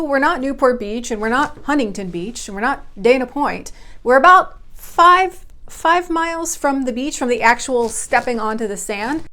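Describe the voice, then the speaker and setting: A bubbly woman in her thirties, talking straight to camera as a realtor and channel host. Her voice sits a little high for a woman, and she gushes with excitement in an upbeat, casual vlog manner. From Oklahoma. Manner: bubbly, gushing. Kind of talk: enthusiastic vlog talk.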